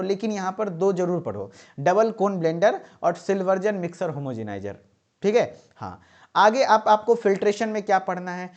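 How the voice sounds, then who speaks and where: A man teaching pharmacy exam tips, repeating key points and checking in with his students often. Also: sits high. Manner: repetitive, emphatic, checks in with "ठीक है".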